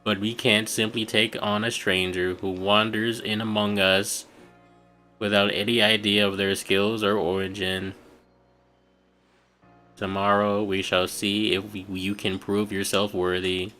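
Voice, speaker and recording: A man voicing a cold, aloof female captain in a video game, speaking slow, low and measured. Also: flat delivery, sharp tone, faint music behind. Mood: cool.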